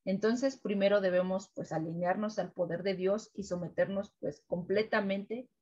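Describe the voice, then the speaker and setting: A woman leading a weekly Bible devotional, preaching gently and ending nearly every sentence with a questioning "right?". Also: mid-range voice, fairly even intonation, moderate pace, highs cut off. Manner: keeps adding "right?" tags, gentle repetitive preaching. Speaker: devotional co-host.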